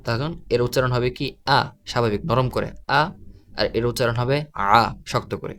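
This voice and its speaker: Speaking in a steady, mid-range voice, this man leads a recorded online class on how Quran letters are pronounced. He goes slowly and patiently, saying each letter's sound more than once.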